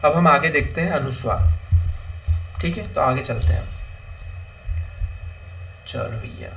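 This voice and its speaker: Young guy teaching grammar for exams, kinda high voice, keeps quizzing himself and answering, drops in english words. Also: normal speed, fairly bright tone, a little hiss or hum. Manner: repetitive, asks and answers his own questions; mixes English words into Hindi. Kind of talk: exam-prep lesson on Hindi grammar.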